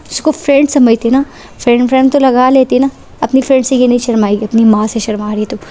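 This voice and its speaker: A woman's voice: on the high side, mellow, lightly acted. A woman voicing an anxious mother who scolds her daughter in an exasperated way. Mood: angry. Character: scolding worried mother, sharp-tongued.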